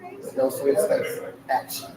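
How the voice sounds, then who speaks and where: Hoarse man speaking slowly. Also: a crowd in the background. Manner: deliberate, thoughtful. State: hoarse, losing his voice. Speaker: panel guest. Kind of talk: casual group conversation. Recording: roomy, distant mic with background noise.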